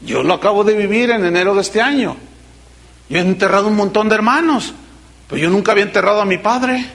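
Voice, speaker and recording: A man's voice: sits high, fast, gravelly, fairly bright tone. A middle-aged Mexican man preaching a sermon as pastor, telling folksy, personal stories with teasing, earnest remarks. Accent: Mexican Spanish.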